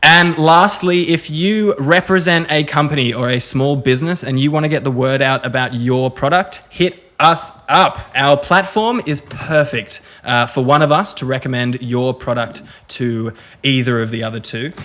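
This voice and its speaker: A man's voice: mid-range voice, normal speed, hardly any pauses, a bit bright. A man co-hosting a casual comedy podcast, running through plugs and contact details with dry little asides. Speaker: podcast co-host.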